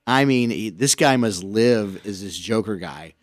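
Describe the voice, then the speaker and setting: A man's voice: lowish voice, measured pace, dry recording, studio quality. Rambling male podcast co-host. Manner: rambling, repeats words, animated storytelling. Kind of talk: casual chat. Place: radio station studio.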